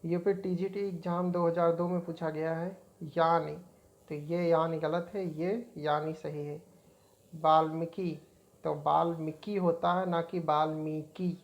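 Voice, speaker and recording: A woman's voice: low voice, little pitch movement, unhurried. A woman teaching an exam-prep spelling lesson, repeating each word as she points out right and wrong forms.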